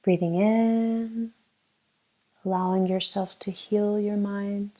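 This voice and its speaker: Through a low-quality recording, a woman's mid-range voice leads a guided meditation in a steady tone. As the teacher, she gives unhurried, gentle directions, leaving long pauses between them.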